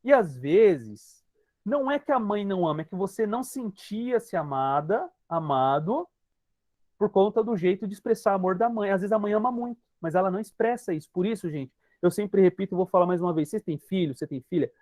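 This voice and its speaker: A man with a Brazilian Portuguese accent talks through a lesson for an online group session, pitched fairly high. The sound is dry and close, as on a video call. He is emphatic and keeps addressing his listeners directly. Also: expressive, fairly quick, darkish tone, no room sound. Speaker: hypnotherapist.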